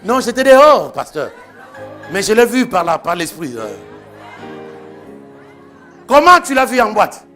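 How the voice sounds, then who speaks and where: A male pastor preaching a sermon, animated and quick to act out the voices of the people he quotes. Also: high voice, soft background music.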